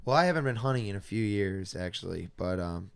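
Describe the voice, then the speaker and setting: A man's voice: fairly low pitch, animated, fairly quick, gravelly, clear, resonant tone. A man hosting a podcast, chatting in a rambling, enthusiastic way. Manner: enthusiastic, rambling, many fillers. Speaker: podcast host. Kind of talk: casual chat.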